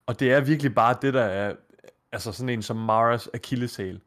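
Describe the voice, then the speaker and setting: A male podcast co-host speaks at a middle pitch in loose, casual chat. He talks quickly and enthusiastically and strings his thoughts together as they come. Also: fairly bright tone. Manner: enthusiastic, quick, rambling analysis.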